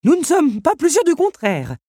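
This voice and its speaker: A woman's voice: sits high, huge pitch swings, moderate pace, warm tone, dry recording, studio quality, pitched above the performer's own voice. A woman voicing a pompous, gloomy old clock who predicts disaster dramatically. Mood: doubting. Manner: grim, dramatic.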